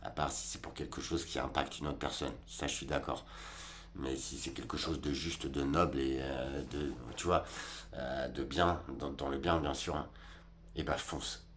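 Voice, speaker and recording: A man's voice: extremely low pitch, steady tone, normal speed, a bit bright, a little hiss or hum. A man in his forties giving a rambling, colloquial monologue, talking straight to the viewer about life. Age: 40s. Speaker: vlogger. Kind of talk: casual reflective monologue.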